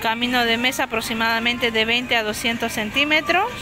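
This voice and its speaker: This vlogger's slightly high voice stays fairly even in intonation and moves briskly. Phone in hand inside a big discount supermarket, she casually lists prices and sizes, amending herself as she talks, with background music beneath.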